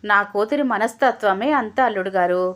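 A woman's voice: medium pitch, moderate pace, a bit bright, lightly acted. A woman voicing a scheming widowed mother-in-law who talks in a wheedling, evasive way.

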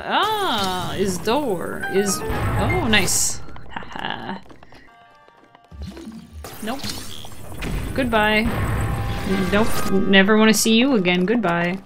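A woman streaming a video game with casual, playful, excitable commentary to her chat, often exclaiming and giggling. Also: medium pitch.

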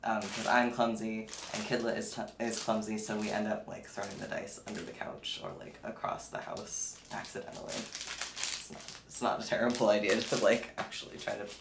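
A man's voice: on the low side, level tone, moderate pace. A man vlogging casually to camera about a haul, rambling and chatty with a self-deprecating streak. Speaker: hobby vlogger showing a haul. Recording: echoey room with background noise.

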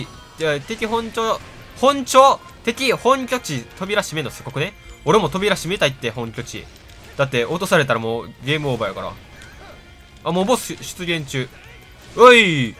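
A man with a Kansai accent casually commenting on his own gameplay, chatty and self-mocking, with loud reactions to the game. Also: on the high side. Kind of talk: casual let's-play commentary. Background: game music.

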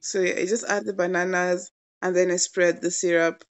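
A woman's voice: lowish voice, level tone, moderate pace, muffled recording. A young woman in her twenties chatting casually as she narrates a home cooking demo, playful and gushing about the food. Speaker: cooking vlogger.

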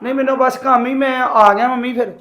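A man's voice: very high-pitched, steady tone, fairly quick, fairly bright tone. An actor playing an evasive young son giving brief answers to his mother. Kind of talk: family drama acting.

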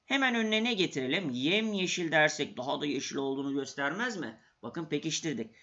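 A man teaching an exam-prep grammar lesson with a bright, forceful voice that sits a little high. He keeps asking questions and answering them himself, stressing the points again and again. The recording sounds slightly dull and lo-fi. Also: lively intonation, fairly quick.

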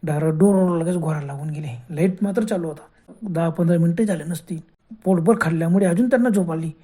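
A woman's voice: lowish voice, a little fast, warm tone, husky. A woman narrating a horror story with a dramatic, repetitive telling.

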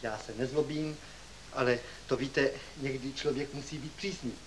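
A man's voice: medium pitch, slight background noise, natural voice, poor audio. An actor playing a kindly but strict male schoolteacher who scolds his pupils, on an old film soundtrack. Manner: stern, scolding, then gentle.

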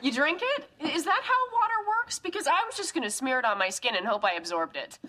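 A woman's voice: sits high, big pitch swings, a little fast. An actress from Canada playing a sarcastic, teasing young woman in a sitcom. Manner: sarcastic, exasperated. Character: sharp-tongued young woman friend, teasing. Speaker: sitcom character. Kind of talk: sitcom dialogue. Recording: noisy sitcom audio with audience laughter.

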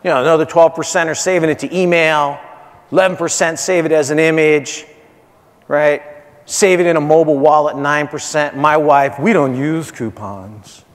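A man in his forties, a marketing executive, speaks at a normal speed with fairly even intonation and a voice on the high side. He's delivering a keynote on a large indoor hotel conference stage in punchy short phrases, repeating key points and checking in with "right?". The hall is reverberant.

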